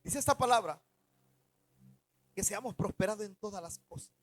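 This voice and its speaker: A man, a pastor preaching a sermon, swinging between loud and soft as he retells stories in the first person. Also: moderate pace, dry recording, poor audio. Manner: preaching with dramatic swings in loudness and pitch.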